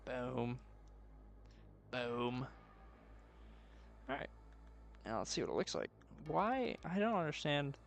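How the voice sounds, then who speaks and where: A streamer working on 3D art during a live creative stream casually thinks aloud, muttering to himself playfully and with profanity. His fairly high voice is sing-song and fast, with vocal fry.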